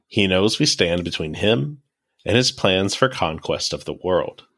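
A man's voice: deep voice, animated, measured pace, a bit bright. A man co-hosting a casual history podcast, laid-back, sometimes reading quotes aloud. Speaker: podcast co-host.

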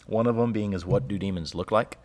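A young man with a Southern US accent, co-hosting a casual faith podcast, reading scripture and talking with animated, laughing energy and frequent restarts. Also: lowish voice, brisk. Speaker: podcast co-host, church leader.

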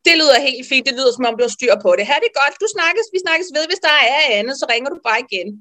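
A woman's voice: high voice, lively intonation, fairly bright tone, pitched above the performer's own voice. A woman quoting a cheery midwife colleague. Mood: amused, brisk. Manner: cheerful, laughing, brisk.

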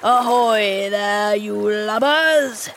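A woman voicing a commanding, melodramatic male pirate captain who bellows menacing, drawn-out words. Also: mid-range voice, fairly bright tone, a little hiss or hum. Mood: hailing. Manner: slow drawn-out bellowed orders.

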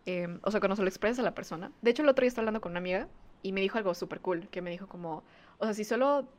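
A woman's voice: mid-range voice, rapid-fire, darkish tone. Woman in her twenties, podcast co-host, chatty, laughs often. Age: 20s. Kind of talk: casual chat.

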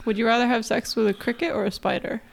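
A woman's voice: fairly high pitch, steady tone, quick pace, creaky. A woman hosting a podcast in casual chat, blunt, teasing and mock-horrified. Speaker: podcast host.

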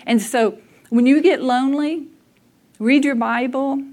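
Brief: woman, conversational sermon, candid storytelling, voice a touch high. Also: measured pace, darkish tone. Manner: conversational, candid, laughs at herself. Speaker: speaker at a church service. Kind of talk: sermon with personal stories.

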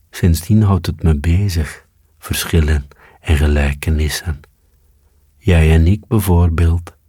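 A man's voice: low-pitched, dark tone, breathy edge, dry recording, studio quality, exaggerated voice. A man voicing a sly male fox who whispers in a honeyed, teasing way.

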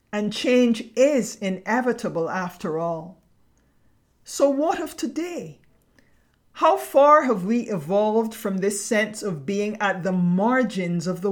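A middle-aged woman from Barbados with a Barbadian accent, reading a reflective scripted narration in measured, poetic phrasing as a podcast host. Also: medium pitch.

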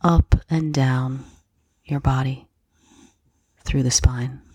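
A woman guiding a slow breath-counting meditation in a soft, gentle, breathy voice with unhurried pauses. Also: very deep voice, steady tone, dry recording. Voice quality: soft, breathy, husky, often near whisper. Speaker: meditation guide.

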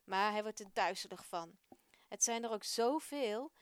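A woman narrating a children's story in a gentle, expressive read-aloud manner. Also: medium pitch, a little slow, clear, resonant tone, no room sound, studio quality.

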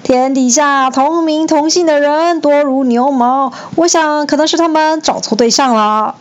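Woman playing a scared, stammering hell king, raised and slow, lo-fi. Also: high voice, pitched above the performer's own voice. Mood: fearful. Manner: stammering, fearful, overly polite. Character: timid trembling male king of hell.

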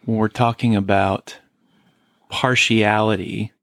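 A man hosting a podcast as a pastor, interviewing a guest with a halting, filler-heavy way of talking. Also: fairly low pitch, steady tone, creaky, a bit bright, no room sound, studio quality. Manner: halting, many fillers and restarts. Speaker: host and lead pastor.

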